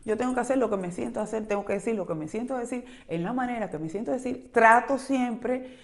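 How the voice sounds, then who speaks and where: A woman, talking casually to camera as a vlogger in a loud, lively, rambling way. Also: a little high. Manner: lively, talkative, rambling, quick changes of loudness; speaks very loudly by her own account. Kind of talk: casual reflective monologue to camera.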